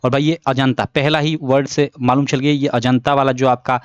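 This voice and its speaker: A man's voice: mid-range voice, level tone, moderate pace, clean tone, dry recording. A young man casually walking students through an exam paper, often checking in and correcting himself as he goes. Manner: casual, repeats filler checks, self-corrects. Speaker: teacher. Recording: dull lo-fi sound.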